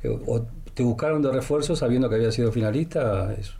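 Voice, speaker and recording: A man's voice: mid-range voice, fast talker, creaky, mellow. A man with an Argentine accent hosting a radio sports interview, chatty and full of leading questions and fillers. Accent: Argentine Spanish.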